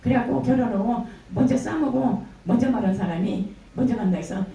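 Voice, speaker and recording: An older woman giving a spoken church testimony, telling her story with lively storytelling and acting out the words of others. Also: a little high, a little fast, gravelly. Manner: animated storytelling, acting out quoted dialogue. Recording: echoey room from a distance, faint noise.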